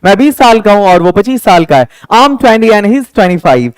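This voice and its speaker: A young man teaching a spoken English lesson, patiently explaining and slowly repeating example sentences. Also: sits high, very animated, clear, resonant tone, no room sound.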